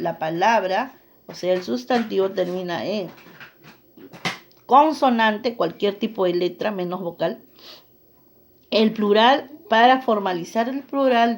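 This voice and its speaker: A woman teacher giving a grammar lesson, reading out rules and examples and often checking in with her listeners. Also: medium pitch. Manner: slow, deliberate, checks in with listeners.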